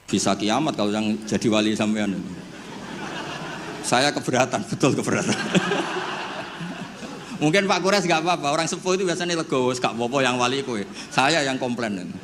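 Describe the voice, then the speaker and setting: A man, giving a humorous religious lecture with relaxed storytelling and jokes before an audience. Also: fairly low pitch, big-room sound, background noise. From Indonesia. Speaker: Islamic preacher.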